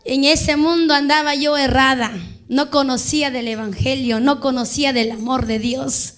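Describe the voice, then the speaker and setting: A woman's voice: high voice, fairly even intonation, normal speed, fairly bright tone. A woman preacher from Peru, giving a fervent sermon testimony and calling her listeners brothers. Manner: fervent, addresses listeners as brothers, quotes others in dialogue.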